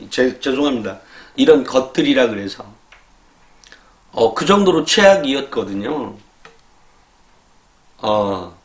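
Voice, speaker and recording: Man, education lecturer, lively up-and-down voice, somewhat high, acts out scolding, echoey room. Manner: animated, acts out exasperated scolding of students with laughs. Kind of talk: casual storytelling monologue.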